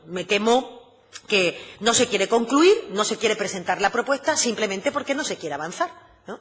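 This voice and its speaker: A middle-aged woman, a regional finance minister, giving a formal parliamentary address in a measured, emphatic way, with frequent "eh" hesitations. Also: mid-range voice, pushed and bright, big-room sound.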